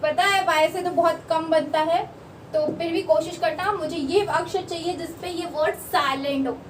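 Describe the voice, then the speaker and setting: A woman teaches a class with a high voice, explaining slowly and repeating herself so everyone follows. She sounds distant from the mic in an echoey room, with faint noise behind her. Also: fairly even intonation. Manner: explains slowly, repeating words and checking with listeners. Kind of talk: classroom lesson.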